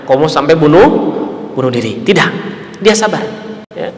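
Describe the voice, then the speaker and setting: A male Islamic preacher with a Sundanese accent giving a sermon, asking the congregation rhetorical questions and punctuating lines with a steady "ya". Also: fairly high pitch, normal speed, reverberant, long reverb tail, poor audio. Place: mosque hall.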